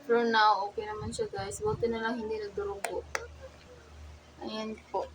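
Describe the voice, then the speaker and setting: A woman's voice: on the high side, very animated, normal speed, background noise. A woman, a mother chatting casually to her vlog viewers at home, playful and mixing Tagalog with English. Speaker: vlogger and mother.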